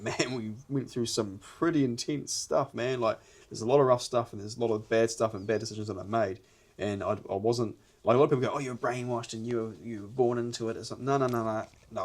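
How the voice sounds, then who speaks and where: A man's voice: mid-range voice, a little mellow. Kiwi man chatting earnestly, broad accent. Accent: New Zealand. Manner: earnest, rambling, slangy. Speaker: podcast host. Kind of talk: casual podcast chat.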